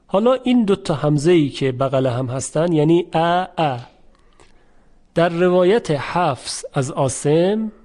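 Man teaching Quran pronunciation slowly. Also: a little high, warm tone. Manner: slow, careful, demonstrates sounds by repeating them. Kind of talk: tajweed lesson.

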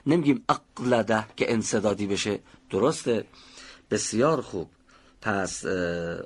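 Guy teaching pronunciation on tv, kinda husky voice, goes up and down a lot, patient step by step. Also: lowish voice, a bit bright. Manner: patient, explains step by step and demonstrates sounds slowly. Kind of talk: televised pronunciation lesson.

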